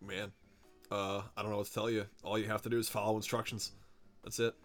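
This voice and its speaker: A man's voice: on the low side, level tone, fast, faint music behind. A man co-hosting a casual chat, teasing his friend and swearing casually. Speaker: podcast co-host.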